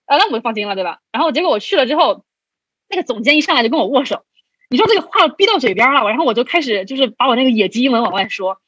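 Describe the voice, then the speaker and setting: On a muffled, echo-free recording, a young woman speaks rapidly in a high, slightly rough voice. A podcast guest in her twenties, she animatedly tells a story, acts out both sides of conversations, and laughs frequently.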